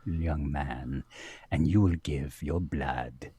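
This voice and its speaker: A man voicing a regal old British female vampire who speaks in slow, commanding pronouncements. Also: rumbling low, mellow, slightly rough, dry recording, pitched below the performer's own voice, exaggerated voice.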